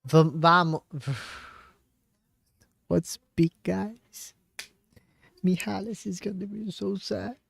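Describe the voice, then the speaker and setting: A man's voice: high-pitched, fairly even intonation, very slow, vocal fry, long pauses, mellow, breathy edge, dry recording. Guy vlogging his spanish practice, unsure, pokes fun at himself, dry sound. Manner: hesitant, self-mocking, laughs at his slips. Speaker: language learner vlogger. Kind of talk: casual thinking aloud while studying.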